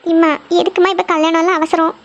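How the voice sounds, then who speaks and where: A woman's voice: extremely high pitch, flat delivery, fast, muffled recording. A woman voicing a meek young daughter, pleading and protesting with her mother.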